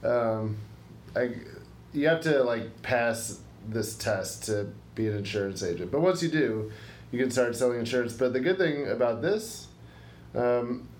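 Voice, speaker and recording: A man's voice: mid-range voice, animated, measured pace, darkish tone. A young man co-hosting a podcast, chatting casually in a rambling, hesitant way with lots of fillers. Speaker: podcast co-host. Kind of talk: casual chat. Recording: roomy room, faint hiss.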